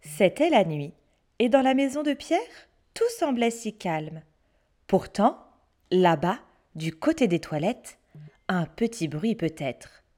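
A woman storyteller reading a children's story aloud, expressive and hushed for suspense. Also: mid-range voice, takes it slowly.

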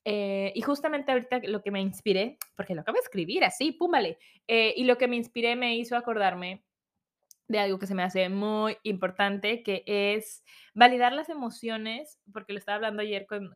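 A young adult woman hosting her own podcast, talking casually and reflectively and often tagging her points with rhetorical questions. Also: on the high side. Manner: chatty, tags remarks with rhetorical questions. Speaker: podcast host.

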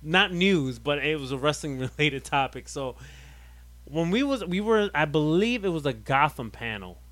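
A man's voice: on the high side, normal speed, no echo. A young man co-hosting a wrestling podcast, telling stories in casual banter and swearing freely. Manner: animated, swearing, storytelling. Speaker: podcast co-host.

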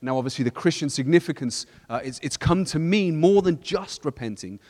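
A man from a church team explaining Bible passages in a relaxed discussion, often restarting phrases and quoting scripture. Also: on the high side, fairly quick, in a large hall. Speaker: church leader. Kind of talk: casual Bible study discussion.

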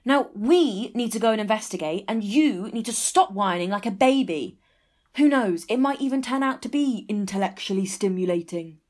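Comic audio drama role: forthright young female detective in training, acted by a woman, expressive and earnest, mid-pitched, faint music underneath. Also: normal speed, lightly acted. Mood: exasperated, insistent.

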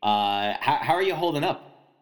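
A man's voice: fairly high pitch, expressive, moderate pace. A man co-hosting a casual podcast chat about a film, wry, teasing and analytical. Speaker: podcast co-host.

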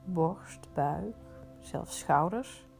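A woman leading a guided meditation, giving soothing, unhurried instructions with pauses. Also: on the low side, animated, vocal fry, over music.

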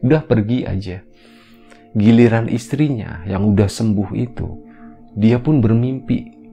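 A man's voice: on the low side, measured pace, warm tone, faint music behind. A man hosting a horror podcast, telling a story in casual slang full of fillers.

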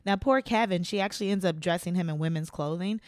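Animated woman true crime podcaster. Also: lowish voice, fast. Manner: animated, acts out quotes, slangy. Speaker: podcast co-host. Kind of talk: casual true crime chat.

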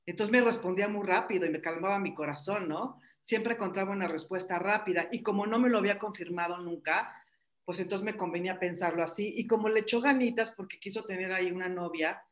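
A woman with a Mexican Spanish accent, a mother telling her personal story in an animated, emotional way. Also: medium pitch, fast talker. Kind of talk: personal testimony in conversation.

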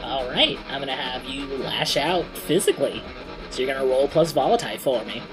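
A man's voice: mid-range voice, expressive, fairly quick. A man working as game master, narrating scenes and explaining rules casually. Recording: music playing behind the voice. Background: background music.

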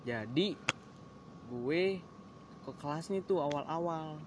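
A young man, casually telling a story and acting out his shouting friends. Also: a little high, slow, noisy background. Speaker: guest storyteller. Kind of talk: casual chat.

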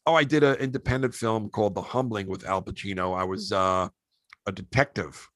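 A man who hosts a podcast, telling animated show-business anecdotes in a casual way. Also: fairly low pitch, a little fast, dry recording. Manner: animated anecdotes, acts out quoted voices. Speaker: podcast host and actor. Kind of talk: casual storytelling.

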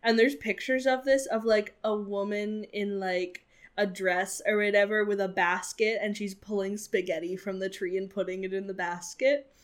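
A woman's voice: medium pitch, fairly even intonation, moderate pace. A woman co-hosting a casual podcast, telling a story in a chatty way with frequent ums and laughs. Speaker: podcast co-host. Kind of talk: casual chat.

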